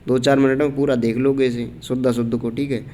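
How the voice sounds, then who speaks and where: A man running a casual exam-prep grammar class, going through answer options one by one. His voice is mellow and dark, and he talks informally, checking in with students as he goes. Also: mid-range voice, little pitch movement, fast talker, a little hiss or hum. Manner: informal, repeats "theek hai" often, reads out answer options. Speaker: exam coaching teacher. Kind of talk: casual Hindi grammar lesson.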